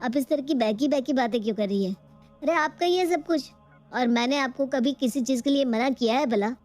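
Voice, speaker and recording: A short-tempered young husband in a cartoon story, voiced by a woman, quick to raise his voice at his wife. The voice is high for a man, clearly the woman's own register. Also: soft background music, natural voice. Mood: pleading. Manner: irritable, shouting. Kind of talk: cartoon voice acting.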